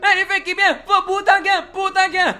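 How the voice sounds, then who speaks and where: A man's voice: level tone, brisk, sharp tone. A man doing Shinchan, a whiny scared kid. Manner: whiny and pleading, high-pitched. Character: cheeky scared little boy. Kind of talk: Hindi GTA role-play dub.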